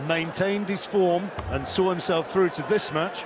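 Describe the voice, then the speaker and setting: A man's voice: high-pitched, fairly even intonation, unhurried. A man giving live darts commentary in a chatty, conversational way with wry asides. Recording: noisy venue with clear crowd behind. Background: darts crowd noise.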